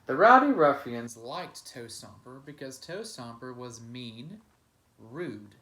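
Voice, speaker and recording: Taking it slowly, a man narrates a children's picture book as a teacher with very animated, dramatic emphasis. His voice is mid-range with a sharp tone, making the storytelling vividly expressive.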